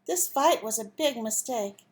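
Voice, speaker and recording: A woman's voice: fairly high pitch, expressive, a little slow, darkish tone. A woman voicing an earnest male fish in a storybook, a pleading peacemaker. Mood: apologetic.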